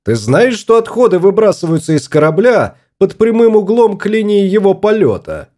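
A man's voice: sits high, big pitch swings, normal speed, darkish tone, pitched above the performer's own voice. A man voicing a stubborn, fussy husband exploring space in an audiobook, grumbling and obstinate.

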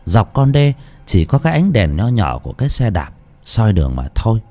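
A man's voice: fairly low pitch, big pitch swings, fairly quick, warm tone. A man narrating a ghost story in a dramatic, vivid way.

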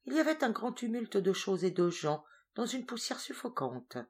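A woman reading a novel aloud as an audiobook, narrating in a calm, measured way. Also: medium pitch, husky. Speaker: audiobook reader.

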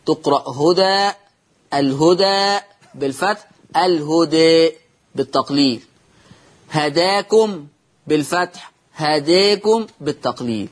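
A man's voice: on the high side, slightly rough. A man with an Egyptian accent teaching the rules of Quran reading on a TV lesson, explaining step by step and answering his own questions. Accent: Egyptian Arabic.

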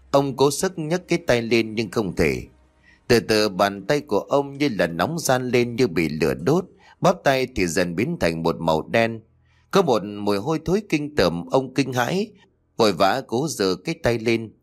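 A man reading a scripted horror story aloud in a slow, dramatic way. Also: medium pitch.

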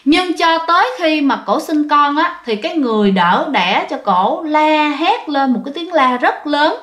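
A woman with a Southern Vietnamese accent tells ghost stories in a casual, chatty way, turning often to her listeners. Her voice sits high, and it rings in a roomy, echoing space. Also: fairly bright tone. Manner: chatty, addresses listeners directly. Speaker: ghost story narrator. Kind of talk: casual spoken storytelling.

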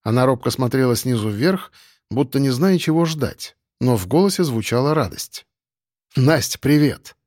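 A man narrating an audiobook in the first person, calm and wry. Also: mid-range voice, moderate pace, no room sound, studio quality.

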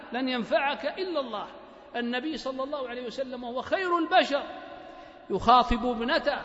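High-voiced Libyan man preaching in an echoing mosque. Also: a bit bright. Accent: Libyan Arabic. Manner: rhetorical, repeats phrases and asks the listeners "ha?". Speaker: mosque lecturer. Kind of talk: religious lecture. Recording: echoey hall, slightly dull lo-fi recording.

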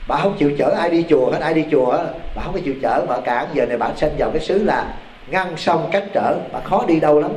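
A monk voicing an elderly male monk who calmly explains things, recorded in an echoey hall. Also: fairly high pitch, fast, crowd noise, close to an everyday voice. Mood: calm, explaining. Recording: echoey hall, faint noise.

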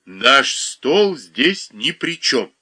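Jolly drinker giving toasts, reader voices him, animated. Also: male voice, medium pitch, drawn-out words, slightly rough, exaggerated voice. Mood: jovial. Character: hearty tipsy man making toasts.

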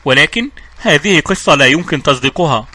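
A man's voice: on the high side, expressive, brisk. A man voicing an irritated senior police chief questioning his inspector in an audiobook. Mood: exasperated. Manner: sharp and exasperated.

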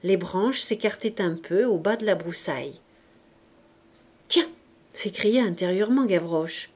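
A woman reading a classic novel aloud as audiobook narration, measured and deliberate. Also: lowish voice, animated, a little mellow. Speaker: audiobook reader.

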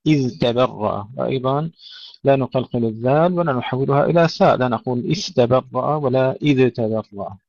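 A man teaching Quran recitation, moving between slow, melodic chanting of verses and brisk explanations of pronunciation. His voice sits at a middle pitch. The recording is dry and dull, lo-fi. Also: darkish tone, no room sound. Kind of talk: tajweed lesson, recitation then explanation.

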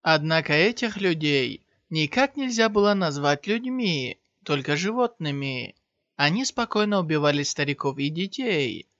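Man narrating an audiobook, fairly high voice. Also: normal speed, dry recording. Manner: steady storytelling read. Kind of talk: scripted narration. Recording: slightly dull, dry lo-fi sound.

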